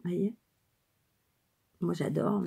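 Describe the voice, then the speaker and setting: A woman vlogger chatting casually and hesitantly while showing craft cards, often pausing and correcting herself. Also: on the low side, steady tone, creaky, dark tone, breathy edge. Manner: chatty, rambling, many hesitations and self-corrections. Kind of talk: casual unscripted show-and-tell.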